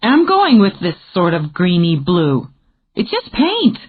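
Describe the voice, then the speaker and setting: A female narrator voicing a lively, impatient woman who talks quickly and gets exasperated. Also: on the low side, slightly rough, full character voice. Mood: wry. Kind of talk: audiobook character reading. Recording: tinny phone-like audio.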